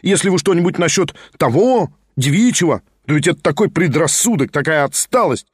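A man reading a novel aloud and voicing a fussy, scheming young man who pleads and coaxes in a rapid, high patter. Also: expressive, husky, dry recording, studio quality. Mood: flustered. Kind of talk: audiobook character reading.

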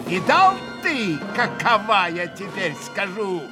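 A man's voice: high voice, very animated, slow pace, music in the background, pitched above the performer's own voice, exaggerated voice. A man reading an audiobook, voicing a proud, passionate young woman who swings into hysterical outbursts. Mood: fierce, defiant. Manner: fierce, sobbing outbursts.

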